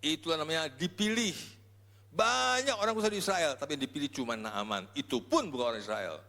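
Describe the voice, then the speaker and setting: Male pastor, lively, slightly high voice, casual preaching; big echoey hall. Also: fairly quick. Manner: animated, colloquial preaching with sudden shouts and drops. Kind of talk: sermon. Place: large church hall.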